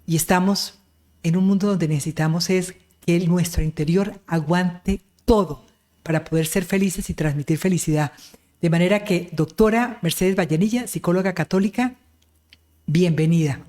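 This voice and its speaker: A woman's voice: lowish voice, normal speed, mellow. A woman hosting an online interview, effusive and full of praise, with religious turns of phrase. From Colombia. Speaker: interview host.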